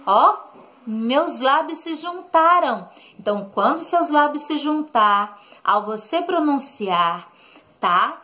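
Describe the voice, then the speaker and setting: Woman teacher, high-ish voice, slow and coaxing with children. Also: expressive, pushed and bright. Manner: patient, coaxing, full of diminutives; keeps saying look and okay to children. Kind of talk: recorded lesson for children.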